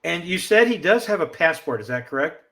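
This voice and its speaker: A man conducting an interview, asking questions in a gentle, supportive manner. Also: fairly high pitch, big pitch swings, fairly quick. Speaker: interviewer who works on birth parent search cases.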